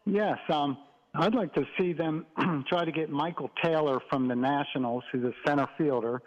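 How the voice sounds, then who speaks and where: A man's voice: on the high side, normal speed. Male caller on a muffled cell phone. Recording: muffled cell call, reverberant.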